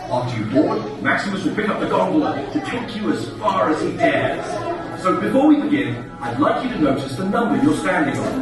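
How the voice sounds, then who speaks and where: Theme park pre-show guide: excitable, theatrical, friendly, very animated delivery, heard from afar. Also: male voice, sits high. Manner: theatrical, exclamatory, playfully scolding. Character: excitable, friendly guide to a magical toy-brick world. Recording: echoey, distant, loud music behind. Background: loud music.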